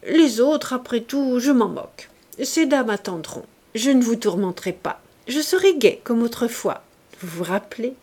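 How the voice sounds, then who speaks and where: A woman's voice: fairly high pitch, expressive, moderate pace, a little mellow. A woman voicing a plump, complaining middle-aged lady who reproaches an old friend in a plaintive, wheedling tone. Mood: reproachful.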